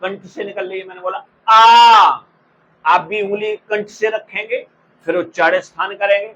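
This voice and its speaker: A man teaching an exam-prep grammar lesson, repeating each term slowly for students to write down and calling them by fond names. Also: high-pitched, fairly even intonation, fairly bright tone, muffled recording, a little hiss or hum. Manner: slow, repeats terms for dictation; addresses students fondly.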